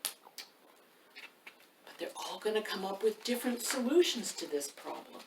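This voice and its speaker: This expressive storyteller, an author hosting storytime, reads a children's picture book aloud and puts questions to her young audience. She speaks slowly in a gravelly mid-range voice. It's recorded in a roomy indoor space beside a wood stove, with a distant mic and faint noise.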